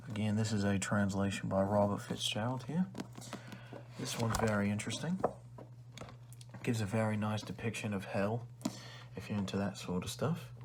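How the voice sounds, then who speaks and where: A man's voice: fairly low pitch, darkish tone, a little hiss or hum, close to an everyday voice. A man playing a rude, condescending librarian who sells used books, in an ASMR role-play with chummy but insulting salesman-like patter. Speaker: ASMR performer.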